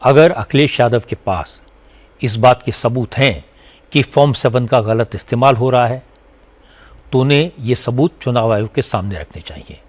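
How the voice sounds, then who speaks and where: A man narrating a scripted news report in a measured, formal way. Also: mid-range voice. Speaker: news anchor.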